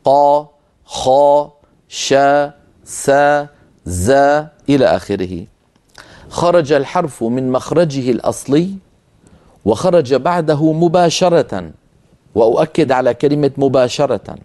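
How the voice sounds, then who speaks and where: A man teaching Quran recitation in a filmed lecture. He sounds out letters slowly and repeatedly and speaks directly to his listeners as brothers and sisters. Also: mid-range voice, expressive, darkish tone. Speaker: tajweed teacher. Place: filmed lesson with a camera crew.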